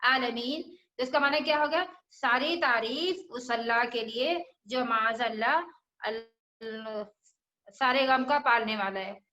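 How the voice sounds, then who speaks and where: A woman with a slightly high, sharp-toned voice speaks slowly in an echoey room. She is teaching children Quran recitation in a religious lesson, patiently repeating each letter sound and asking questions along the way.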